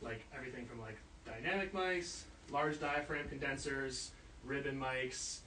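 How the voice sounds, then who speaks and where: A man's voice: medium pitch, measured pace, bright, forceful tone, slight background noise. A man showing people around a recording studio, explaining in a loose, rambling way full of filler words. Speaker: studio engineer giving a tour. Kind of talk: casual walkthrough explanation. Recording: roomy sound, mic at a distance.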